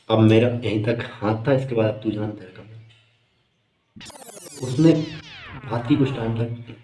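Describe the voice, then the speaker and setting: A man's voice: fairly low pitch, dark tone, echoey room, slight background noise. A man doing stand-up, telling a long comic story in a chatty, amused way. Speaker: stand-up comedian.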